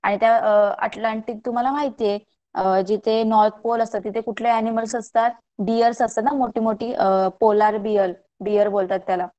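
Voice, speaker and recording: A woman teacher explains a story in an online lesson and keeps asking her class questions. Her voice is a little high and soft-toned. The audio is dull and lo-fi. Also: level tone, moderate pace. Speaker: English teacher.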